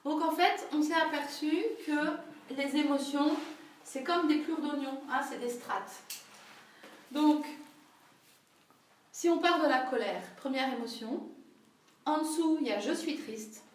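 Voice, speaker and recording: A woman with a high, unhurried voice leads a small group workshop, pausing often. She teaches conversationally and keeps checking in with listeners through frequent tag questions. The room is very echoey and she stands far from the mic.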